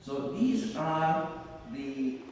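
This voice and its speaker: A man teaching a classroom lesson, slowly repeating and drilling terms with his students. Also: on the high side, expressive, darkish tone. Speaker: tajweed teacher. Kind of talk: classroom lecture. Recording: echoey hall, mic far off, faint noise.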